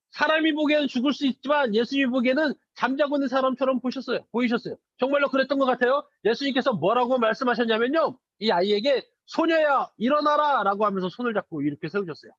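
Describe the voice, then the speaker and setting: A man's voice: very high voice, no room sound. A man, a children's pastor, telling a story in a children's sermon and asking the children questions, on a slightly dull lo-fi recording. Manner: questions to the children, lively retelling.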